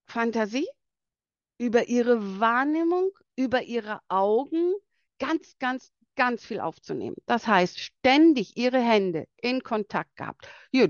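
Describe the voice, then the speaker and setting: A woman speaks slowly and earnestly to an audience in a light, bright voice, taking her time and searching for words mid-sentence. The sound is slightly muffled and dry, with no room echo. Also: fairly high pitch. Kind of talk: presentation to an audience.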